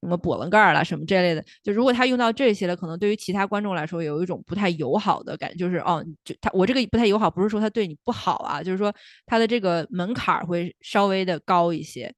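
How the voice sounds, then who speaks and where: Woman co-host, from northern China, quick and hedging, mid pitch, dry close sound. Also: no echo. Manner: thoughtful, hedging, many fillers and restarts. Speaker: podcast co-host, comedy critic. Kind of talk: casual critical chat.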